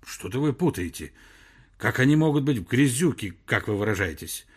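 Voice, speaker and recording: A man's voice: mid-range voice, expressive, normal speed, slightly rough. A man voicing an irritable, fussy older male professor who talks in a testy, heated way. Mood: irritated.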